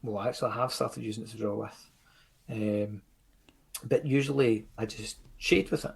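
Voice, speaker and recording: A Scottish comics creator chatting casually as a podcast guest, rambling and self-critical, with lots of fillers. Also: male voice, fairly low pitch, steady tone, moderate pace, vocal fry, breathy edge. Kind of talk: casual chat.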